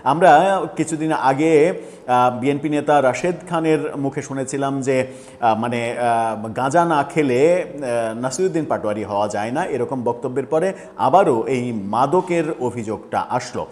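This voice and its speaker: A man giving solo political commentary, pausing often with filler sounds as he works through his points. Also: mid-range voice, a little mellow, in a large hall. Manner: hesitant, many filler sounds.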